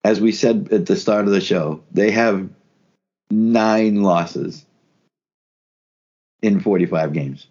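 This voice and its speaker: A man with a very low, deep voice co-hosts a casual sports podcast. He thinks out loud, restarting sentences and hammering points home. The sound is a little dull and lo-fi. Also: slow, long pauses. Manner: thinks aloud with restarts, emphatic. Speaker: podcast co-host.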